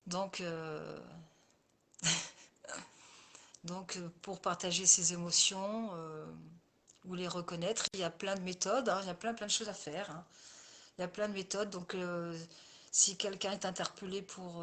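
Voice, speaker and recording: A woman who works as a coach and therapist chats casually with viewers during a live session, addressing them by name and often circling back to the same phrases. Her voice is fairly low-pitched and a bit bright.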